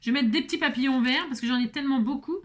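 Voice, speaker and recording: A middle-aged craft vlogger with a high voice talks at rapid-fire speed while casually guiding a tutorial. Her delivery rambles, with constant stammers and restarts plus self-deprecating asides.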